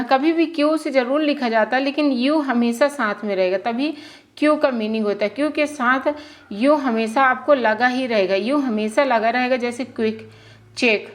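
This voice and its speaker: Woman, from India, high-pitched, English teacher, casual lesson, repetitive, checks in often. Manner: repetitive, explains each word twice, checks in with "theek hai".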